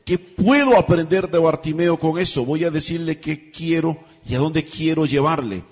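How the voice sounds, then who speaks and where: Pastor preaching, kinda husky higher voice, dull lo-fi echoey church sound. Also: male voice, normal speed. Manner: emphatic preaching, asks the congregation questions. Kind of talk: sermon.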